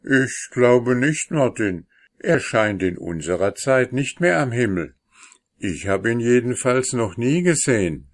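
A man voicing a calm, kindly father of young children in a read-aloud story, speaking gently and patiently. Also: medium pitch, a little slow, pitched above the performer's own voice. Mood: gentle.

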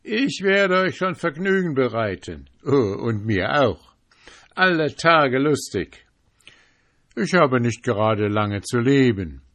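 A man voicing a jolly, loud carnival prince who shouts with glee, in a storybook reading. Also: medium pitch, big pitch swings, slow pace, voice pushed up, heavily acted. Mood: exuberant. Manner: exuberant, shouting.

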